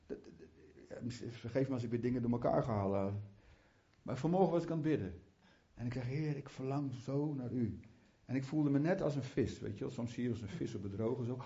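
A man's voice: mid-range voice, lively intonation, fast talker, dark tone. A man preaching a sermon in a fervent, conversational way, with chatty asides and restarts, often rising into heartfelt prayer. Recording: muffled lo-fi sound.

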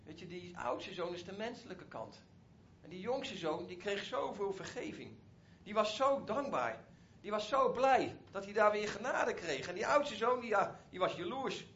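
A man with a high voice retells a Bible story in a relaxed, conversational way, often turning to his listeners directly. The recording is a bit dull, with a faint hiss behind him. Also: normal speed, few pauses. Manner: conversational, with frequent asides to listeners.

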